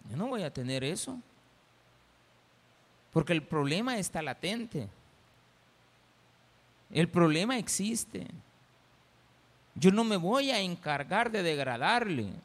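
Salvadoran pastor preaching, joking around with the congregation, brightish high voice, long church hall echo. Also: male voice, big pitch swings, slow pace, long pauses. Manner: folksy, teasing, acts out little scenes. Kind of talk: sermon.

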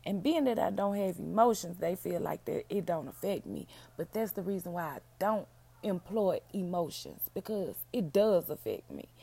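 Female solo podcaster, hoarse and gravelly, mellow delivery, down-home casual chat. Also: lowish voice, animated, moderate pace. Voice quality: raspy. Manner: down-home, addresses listeners as y'all and baby. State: hoarse, feeling unwell. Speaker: podcast host, book reviewer.

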